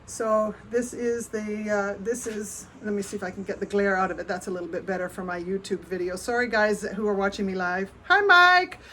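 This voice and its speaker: Speaking at medium pitch and normal speed with few pauses, this Canadian woman has a sharp tone. She's a potter hosting a livestream, giving a casual, chatty show-and-tell that rambles and often cuts off mid-sentence. Background noise is noticeable.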